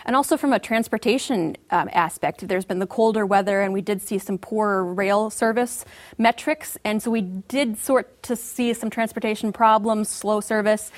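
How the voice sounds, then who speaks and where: A woman commodity market analyst giving measured, explanatory answers full of market jargon in an interview. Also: mid-range voice.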